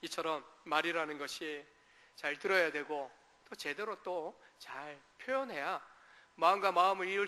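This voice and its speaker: Bright, pushed and high-pitched, a pastor's voice fills a large church sanctuary as he delivers his sermon. He throws rhetorical questions at the congregation and slips into brief dialect impressions when quoting.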